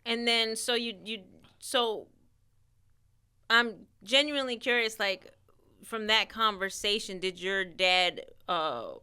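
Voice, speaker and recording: Bright clear-voiced woman hosting. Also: mid-range voice, slow pace. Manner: engaged, frequent affirming backchannels. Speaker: host. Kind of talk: casual interview.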